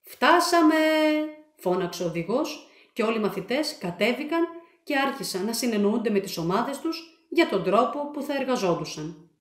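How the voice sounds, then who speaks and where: A woman with a fairly high voice reads a children's picture book aloud, shaping each line with lively storytelling. The room around her is noticeably echoey. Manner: expressive, animated storytelling. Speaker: storyteller and author.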